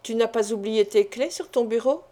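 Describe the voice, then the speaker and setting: A stern, ailing elderly father who questions his family with pressing insistence, read by a woman. The voice sits a little high and sounds mellow and warm. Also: normal speed, natural voice. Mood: interrogating.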